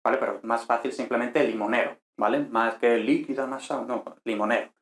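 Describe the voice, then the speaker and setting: A man's voice: medium pitch, steady tone, brisk, fairly bright tone. Patient man from teaching, echoey room. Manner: patient, explanatory, ends points with tag questions. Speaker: teacher of ancient Greek. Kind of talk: lecturing, explaining grammar.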